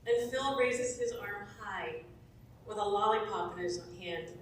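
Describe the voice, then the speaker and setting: A woman in her forties, chatty and laughing often, telling a warm testimonial story to a church. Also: mid-range voice, measured pace, a little hiss or hum. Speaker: former church member giving a testimonial. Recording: echoey room from far off.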